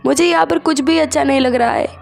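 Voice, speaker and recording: A woman's voice: high voice, fast, vocal fry, soft background music. Woman playing a drunk, raging young man. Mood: sulky. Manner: loud angry demanding outbursts. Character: drunk furious young male star, snapping at everyone.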